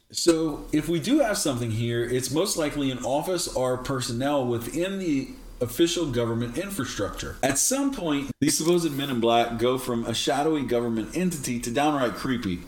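A man's voice: mid-range voice, reverberant. A man co-hosting a podcast in casual chat. He reads a story aloud and breaks off into jokes and laughter. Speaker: podcast co-host. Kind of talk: casual chat and script reading.

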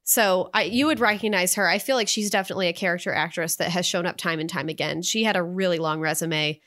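A woman co-hosting a film review podcast, chatting in an animated way with frequent fillers. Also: on the low side, fast. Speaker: podcast co-host. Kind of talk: casual film review chat.

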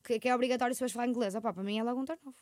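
Fast-talking Portuguese woman co-host. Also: fairly high pitch, a little mellow, no echo, studio quality. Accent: European Portuguese. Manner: rapid, rambling storytelling with frequent laughs. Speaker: podcast co-host. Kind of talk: casual chat.

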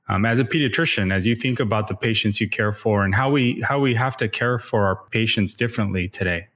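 A man moderating a panel, asking questions in a measured way with fillers. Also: on the low side, fairly bright tone. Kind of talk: interview questions.

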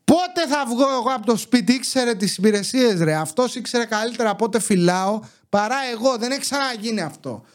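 A young man hosting a podcast, telling rambling, sarcastic stories about his neighbors in a casual monologue. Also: extremely high pitch. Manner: rambling, sarcastic, animated retelling. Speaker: podcast host.

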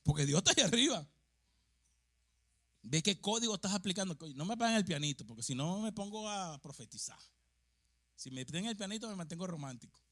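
A man from Venezuela preaching a sermon in a church, moving between quiet, confiding passages and shouted, fervent exhortation. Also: animated, brisk, long pauses. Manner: impassioned, swings from low confiding to shouted exhortation.

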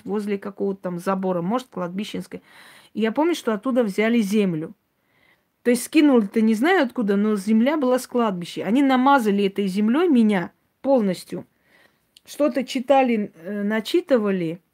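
A self-described witch hosts an informal talk to a live audience, answering comments as she goes. Her mid-range voice is a little mellow, and her manner is blunt, opinionated and conversational.

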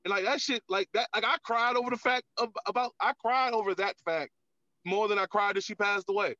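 A man's voice: high-pitched, a little fast, bright, forceful tone. A man, a comedian guest on a podcast, talking candidly in casual chat with lots of filler words. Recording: dull, lo-fi, dry sound.

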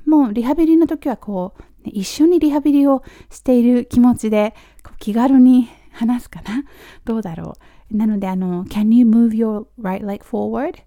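Friendly Japanese woman teacher, somewhat high, talks casually and drills phrases slowly. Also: mellow, dry recording, clean studio sound. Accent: Japanese, with Australian-flavored English. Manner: chatty, repeats model phrases slowly. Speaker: English teacher for nurses. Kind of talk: casual spoken lesson.

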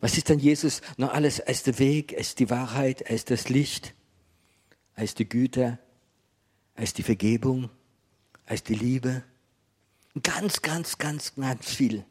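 A male preacher delivers a sermon in a mild, talkative manner. His voice has a slightly husky grain and sits at an ordinary pitch. He keeps drawing his listeners in with small questions. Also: unhurried, pauses often. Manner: gentle, conversational preaching with rhetorical questions. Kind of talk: sermon to a congregation.

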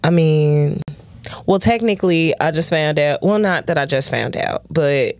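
A woman's voice: deep voice, animated, measured pace, darkish tone, dry recording. A woman co-hosting a podcast in casual chat. She swears freely, giggles often and trails off into fillers. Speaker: podcast co-host.

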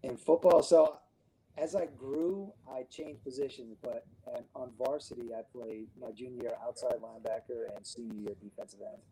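A man's voice: mid-range voice, fairly even intonation, normal speed, warm tone, a little hiss or hum, poor audio. A man from Connecticut, a guest on a casual interview podcast, answering in an easygoing way with fillers.

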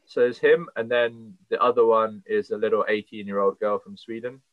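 A man's voice: fairly low pitch, steady tone, normal speed, no echo. Earnest man on a tinny line. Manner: passionate, earnest, thinks aloud with fillers. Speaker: podcast guest. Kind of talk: earnest conversational interview. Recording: tinny phone-like line, dry.

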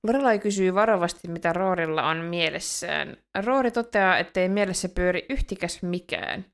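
A woman's voice: on the low side, clean tone. A woman with a Finnish accent co-hosting a podcast, chatting and reading episode recaps aloud. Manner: chatty, giggly, reads recap notes aloud. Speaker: podcast co-host. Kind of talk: casual podcast chat and read-aloud recap.

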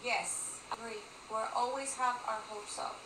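Mom chiming in on her son's podcast, a bit high, echoey room, noise behind. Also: steady tone, measured pace. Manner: supportive, brief replies. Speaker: podcast co-host, host's mother. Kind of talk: casual family podcast chat.

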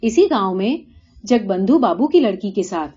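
A woman's voice: mid-range voice, animated, mellow, husky. A woman voicing a kindly middle-aged mother who reasons patiently in a storybook reading. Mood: reasoning. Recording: dull lo-fi recording.

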